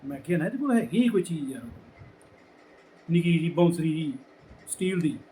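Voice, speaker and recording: A middle-aged man with a Majhi Punjabi accent telling a village anecdote casually, acting out the people in it and dropping to hushed tones. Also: a little high, fairly quick, slight background noise, poor audio. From Punjab border region. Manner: lively, acts out quoted people, drops to hushed tones. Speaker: storyteller.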